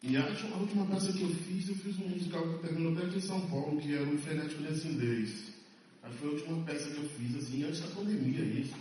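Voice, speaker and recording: A stage and TV actor from Salvador, Bahia, Brazil, speaks at a press conference with emphatic passion, repeating phrases for stress. His voice is on the high side, fast and mellow. The recording has slight background noise, with the mic far off in an echoey hall.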